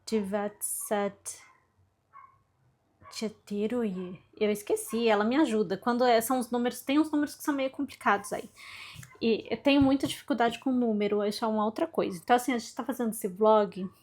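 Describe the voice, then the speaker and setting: A woman's voice: a little high, quick pace, darkish tone. A woman vlogging informally about her language studies, chatty and self-deprecating as she thinks aloud while working through her exercises. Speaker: book vlogger. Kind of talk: informal study vlog.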